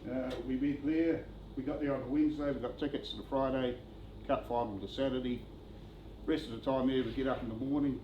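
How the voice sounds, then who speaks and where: A man giving a eulogy for his brother-in-law, telling relaxed, joking stories at a funeral. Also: mid-range voice, a little fast, muffled recording. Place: function venue. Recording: echoey venue with background noise.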